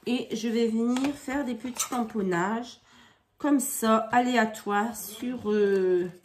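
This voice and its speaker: A woman's voice: fairly high pitch, slow, darkish tone, slight background noise. A woman chatting casually as she demonstrates scrapbooking at her craft table at home, improvising and often hesitating. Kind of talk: casual craft tutorial chat.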